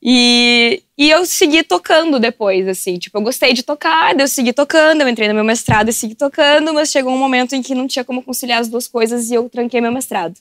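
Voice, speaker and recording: Fast-talking southern Brazilian woman. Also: on the high side, dry recording, clean studio sound. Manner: animated storyteller, laughs often. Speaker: podcast guest. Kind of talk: casual podcast chat.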